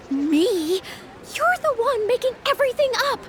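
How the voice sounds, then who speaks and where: A stammering young reporter. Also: female voice, very high-pitched, big pitch swings, slow pace, a bit bright, a little hiss or hum, full character voice. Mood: upset. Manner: stammering, upset. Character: timid young female reporter, distressed and loyal. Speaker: game character. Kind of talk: video game voice acting. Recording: game audio with faint music.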